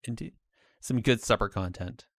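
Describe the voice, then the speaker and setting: A man with a low, gravelly yet smooth voice hosts a relaxed roundtable chat. He talks in an easygoing way, with plenty of "uh"s, as he moves the group along. The sound is dry and close. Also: moderate pace, dry recording. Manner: easygoing, filler-heavy, steering the talk. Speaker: podcast host.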